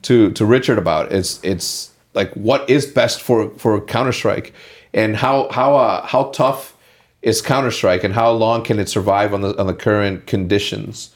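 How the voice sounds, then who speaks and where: A man's voice: lowish voice, moderate pace. A man in his late thirties hosting a casual sit-down chat, rambling and opinionated with lots of filler words. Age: late 30s. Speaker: podcast host.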